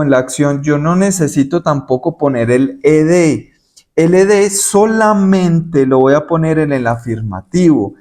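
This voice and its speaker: A male English teacher, his voice sitting a little high for a man. He walks through each point step by step and repeats the English examples slowly with clear stress. It sounds like a recorded video lesson. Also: darkish tone.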